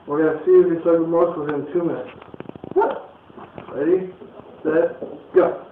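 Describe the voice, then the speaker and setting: Higher-voiced young man, far from the mic. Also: steady tone, moderate pace, phone-quality sound, slight background noise. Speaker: host. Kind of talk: casual challenge vlog chat. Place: small domestic room, indoors. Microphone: phone camera across the table. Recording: roomy, distant camera mic with music.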